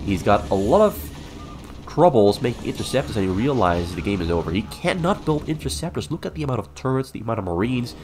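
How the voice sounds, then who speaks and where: A man's voice: medium pitch, big pitch swings, fast talker, background noise. A man with a stuffy, flu-ridden nose commentating a game as an esports caster, calling the play in short clipped phrases.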